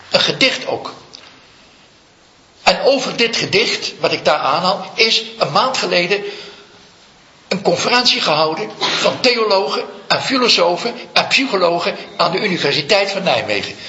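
A man, a Zen teacher, giving a slow, reflective dharma talk full of stories. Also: high-pitched, sing-song, bright, forceful tone, a little hiss or hum. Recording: echoey room, dull lo-fi sound.

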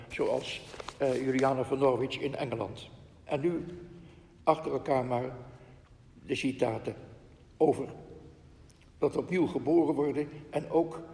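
A man's voice: fairly high pitch, darkish tone, big-room sound. A man giving an earnest, reflective spiritual talk and reading quotations aloud, with frequent asides.

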